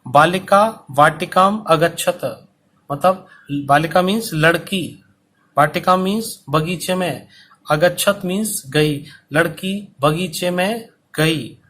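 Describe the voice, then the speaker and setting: A male teacher explaining a Sanskrit lesson to school students, speaking slowly and deliberately so they can write along. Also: fairly high pitch, a bit bright. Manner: slow, dictation-paced explanation. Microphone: recorded for online video.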